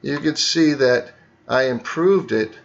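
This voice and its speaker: A male teacher walks students through a screen tutorial at an unhurried, deliberate pace, explaining each click one step at a time. His voice sits at a middling pitch. The recording sounds a little dull and lo-fi. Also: gravelly.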